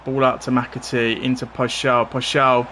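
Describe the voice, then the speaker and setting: A man livestreaming a football game, giving casual running commentary with bursts of excitement. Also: medium pitch, a little slow, a little hiss or hum. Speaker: streamer playing a football game. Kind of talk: live gameplay commentary.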